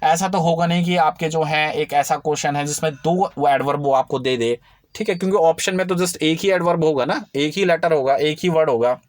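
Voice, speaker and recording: A man's voice: a little high, normal speed, dry recording, studio quality. A man teaching a grammar lesson, explaining patiently and often checking that the viewer follows.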